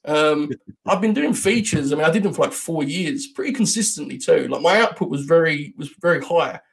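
British male guest, quick talker, rambling and self-deprecating, a touch higher voice. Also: expressive, creaky. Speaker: podcast guest. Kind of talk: casual chat.

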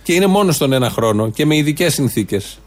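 A man co-hosting a satirical political chat, talking in a dry, ironic, drawn-out way. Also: a little high, lively intonation. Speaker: podcast co-host.

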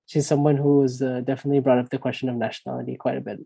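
A man co-hosting a casual tennis chat, thoughtful and often trailing off softly. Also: medium pitch, flat delivery, very fast, creaky, slightly rough, no room sound, low-quality recording. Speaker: podcast co-host.

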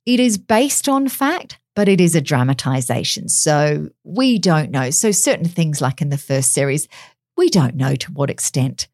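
A woman's voice: deep voice, sing-song, normal speed, a little mellow, dry recording, clean studio sound. A woman chatting as a royal commentator, talking through frequent fillers and restarts. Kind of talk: casual radio chat.

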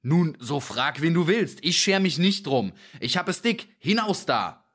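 A man voicing a gruff, angry market dealer who shouts threats in a raised, strained voice. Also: on the low side, sing-song, normal speed, full character voice. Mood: angry shouting.

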